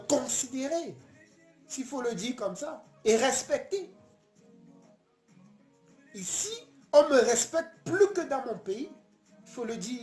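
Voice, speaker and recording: A man from Cameroon hosts a casual late-night live stream, speaking earnestly and passionately with a very high voice and many halting restarts. The audio is reverberant.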